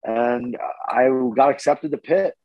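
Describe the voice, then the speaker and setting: A man's voice: medium pitch, takes it slowly, no room sound. An easygoing young man tells his story in a loose, rambling way, full of fillers. The sound is dry and a little dull. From Northeast Philadelphia, born in Paris. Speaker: podcast guest. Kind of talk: casual interview chat.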